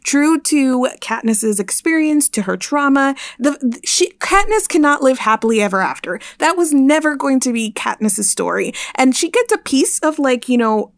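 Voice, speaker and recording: A woman's voice: sits high, animated, moderate pace, few pauses, no room sound. A woman co-hosting a casual book podcast, chatty, with frequent "like" fillers and restarts. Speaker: podcast co-host.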